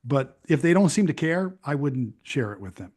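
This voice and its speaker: Older American guy, news veteran, slightly high voice, stop-start delivery with lots of repeats. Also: big pitch swings, a little mellow. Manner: talks in halting bursts with repeated words and restarts. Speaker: interview guest, veteran news broadcaster. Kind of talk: casual conversational interview.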